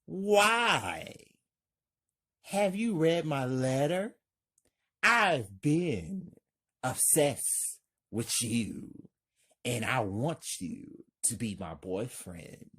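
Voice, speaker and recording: A woman's voice: rumbling low, sing-song, very slow, long pauses, a bit bright, slightly rough, exaggerated voice. A woman voicing an obsessed, evil female stalker calling on the phone, seductive and menacing.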